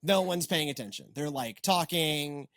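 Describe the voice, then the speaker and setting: Chatty wry pastor hosting a podcast. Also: male voice, on the high side, animated, unhurried, fairly bright tone, no room sound. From Texas. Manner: chatty, rambling, wry, many fillers and restarts. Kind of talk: casual podcast chat.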